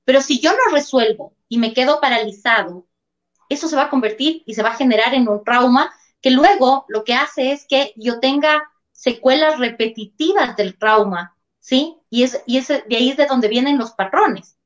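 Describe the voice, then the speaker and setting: A woman's voice: high-pitched, moderate pace. A woman, a talk-show guest earnestly explaining, often checking in with rhetorical questions. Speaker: guest speaker on emotions and trauma. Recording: dull lo-fi sound.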